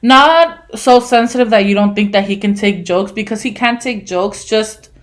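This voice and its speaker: A woman in her twenties telling stories on a casual podcast, animated, laughing and swearing, with lots of fillers. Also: mid-range voice, normal speed. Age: 20s. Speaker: podcast co-host. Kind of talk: casual storytelling chat.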